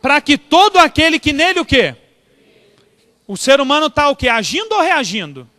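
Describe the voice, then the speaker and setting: A Brazilian pastor with a Brazilian Portuguese accent preaches a storytelling sermon in church, acting out the dialogue animatedly and asking the congregation questions. His voice is very high-pitched and sing-song, with a sharp tone and a moderate pace. The recording carries the reverb of the church hall.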